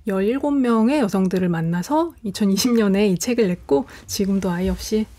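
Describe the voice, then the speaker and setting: Mellow-voiced woman, composed panel guest. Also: medium pitch, fairly quick. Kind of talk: panel discussion talk.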